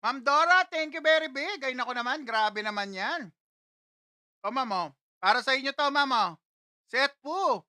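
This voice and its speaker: A woman's voice: sits high, expressive, moderate pace, pushed and bright, dry recording. A woman hosting a casual live stream from a studio, greeting viewers one after another and tasting food on camera.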